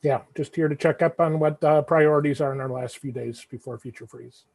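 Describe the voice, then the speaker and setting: A man from Minnesota introducing himself in a relaxed, halting way on a meeting call, heard from a distant mic. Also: a little high, creaky.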